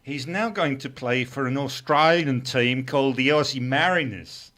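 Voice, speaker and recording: A man putting on a broad mock Australian bloke, deadpan and matey. He plays it straight, in an even middle register. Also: mid-range voice, normal speed, lightly acted. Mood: mock Aussie.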